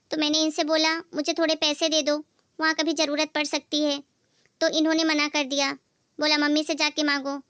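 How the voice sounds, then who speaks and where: A woman's voice: high voice, pushed and bright, no echo. A woman voicing a meek young daughter-in-law who talks politely and pleadingly in a cartoon story.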